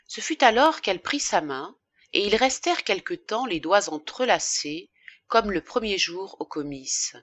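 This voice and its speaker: A woman with a mid-range voice reads a classic novel aloud as an audiobook reader, giving measured, expressive literary narration in a dry recording.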